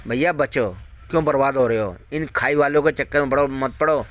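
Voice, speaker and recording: Here a medium-pitched male voice moves at a fairly quick clip. As a video host cautioning his viewers, he unleashes an angry, profane monologue at them, circling back to his points again and again and peppering it with rhetorical questions.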